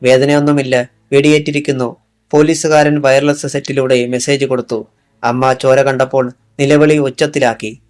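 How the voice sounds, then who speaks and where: A man narrating a crime thriller audiobook in a measured, even reading. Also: mid-range voice. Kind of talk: scripted narration.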